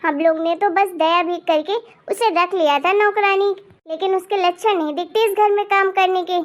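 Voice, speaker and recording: Woman playing a mean snooty old cartoon granny, high shrill voice, snaps and scolds. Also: steady tone, moderate pace. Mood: scolding. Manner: harsh, contemptuous, scolding. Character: haughty scolding old grandmother of a rich girl. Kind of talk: animated cartoon voice acting.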